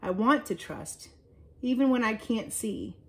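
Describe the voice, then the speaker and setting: A woman voicing a small, scared young seed in a children's story, with a high, pleading, wavering voice. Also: lively intonation, unhurried. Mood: worried.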